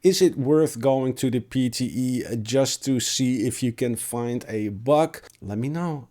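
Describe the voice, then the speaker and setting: A man with a cracky, squeaky voice from being sick, reading game patch notes aloud with his own remarks, stumbling here and there. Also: measured pace, warm tone. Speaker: gaming video creator.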